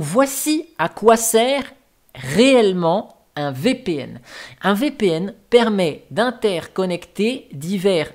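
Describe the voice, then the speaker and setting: A man's voice: a little high, a little mellow. A man hosting a tech tutorial, walking through a topic over diagrams in a patient, step-by-step way with casual asides.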